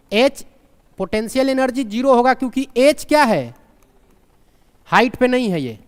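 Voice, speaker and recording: A man with a high, smooth, resonant voice teaches a physics lesson, constantly asking his class questions and repeating the key point. His voice carries a long reverb, as if he is recording in a large room. He slips terms into his sentences. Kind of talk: live online physics class.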